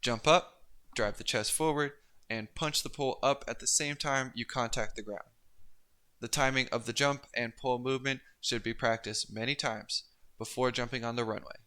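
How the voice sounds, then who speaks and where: A man giving instructional narration as a coach, explaining each step in a careful, unhurried way. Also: medium pitch, fairly even intonation, bright, forceful tone, smooth. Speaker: pole vault coach and instructor. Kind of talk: instructional narration of technique and demonstrations.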